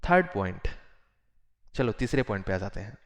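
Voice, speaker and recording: A male physics teacher giving a classroom lecture, repeating phrases slowly and mixing Hindi with English. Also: fairly low pitch, sing-song.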